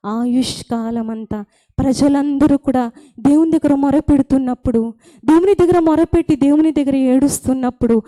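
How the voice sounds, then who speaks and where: A woman's voice: sits high, mellow. A woman preacher with a Telugu accent giving a sermon, asking rhetorical questions and repeating phrases as she builds to impassioned pleas.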